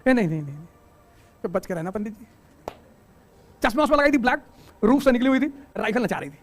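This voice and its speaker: A middle-aged man teaching a coaching class, giving an animated motivational talk full of rhetorical questions and joking asides. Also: extremely high pitch, quick pace.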